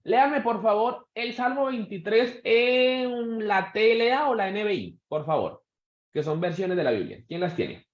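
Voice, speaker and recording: Lively, high-voiced man teaching Bible class. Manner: questioning, slows down to stress key words. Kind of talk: church Bible class lecture. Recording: echoey room, dull sound.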